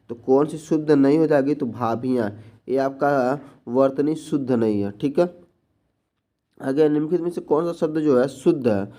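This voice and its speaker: A man with a mellow, warm voice leads an exam-prep spelling lesson. He works through each answer plainly, repeating key words as he goes. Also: medium pitch. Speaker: teacher.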